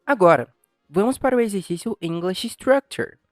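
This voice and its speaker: A man teaching a language lesson, patiently slowing down and repeating model phrases. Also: sits high, animated, no echo, clean studio sound, faint music behind. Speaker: English teacher.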